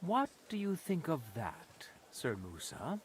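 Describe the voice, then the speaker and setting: An actor playing a haughty lord judging a murder case in a video game, imperious and contemptuous. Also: male voice, on the high side, wildly swooping pitch, takes it slowly, a little hiss or hum, exaggerated voice. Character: haughty noble judge, lord presiding over trial.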